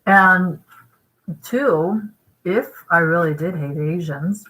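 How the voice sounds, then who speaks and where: A woman's voice: lowish voice, takes it slowly, a bit bright, poor audio. A woman from Vietnam talking casually to her vlog audience, rambling and emphatic, tagging her points with "right?" and eating while she talks. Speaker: vlogger.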